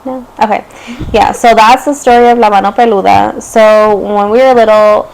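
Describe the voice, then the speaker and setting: Gravelly-voiced young woman co-hosting a podcast. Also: medium pitch, normal speed, poor audio. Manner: relaxed, chatty, laughs often. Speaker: podcast co-host. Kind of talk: casual chat and story reading.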